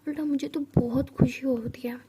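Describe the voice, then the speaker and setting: A woman voicing an affectionate young woman who coaxes and soothes, in a breathy whispered role-play. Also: sits high, fairly even intonation, normal speed, background noise, close to an everyday voice. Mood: soothing.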